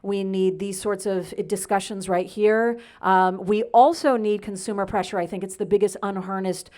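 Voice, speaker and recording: A woman academic on a panel, talking briskly in a lecturing way and citing research and dates. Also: medium pitch, fairly even intonation, a little mellow. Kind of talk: panel discussion. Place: event panel before an audience.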